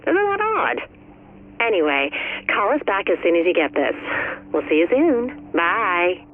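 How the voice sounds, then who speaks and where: A chatty, cheerful mother leaves a voicemail. Her voice bounces up and down with lively melody. The sound is thin and narrow, like a phone line. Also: fairly low pitch, a little slow, slight background noise. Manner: chatty, laughing. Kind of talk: game audio log. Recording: tinny phone-line recording.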